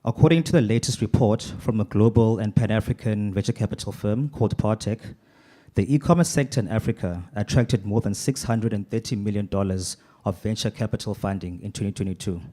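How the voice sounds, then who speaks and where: A man moderating a panel, giving a formal, measured introduction read from notes. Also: lowish voice, mellow. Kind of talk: scripted event introduction.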